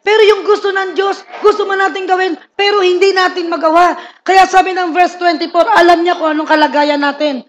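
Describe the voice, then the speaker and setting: A high-voiced man preaches to his congregation. He is humorous and lively, acting out everyday people's words and asking the listeners for agreement again and again. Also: brisk, slight background noise. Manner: humorous, asks the crowd "Di ba?" often; lively, acts out people's lines. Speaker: pastor. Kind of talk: sermon.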